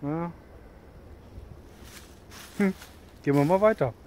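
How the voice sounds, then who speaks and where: A man's voice: fairly high pitch, slow, a little mellow, slight background noise. Joking man vlogging on a forest walk. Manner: joking, chatty, talks while hiking. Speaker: bushcraft vlogger. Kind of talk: casual walking vlog. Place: outdoors in a forest. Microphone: handheld camera at arm's length.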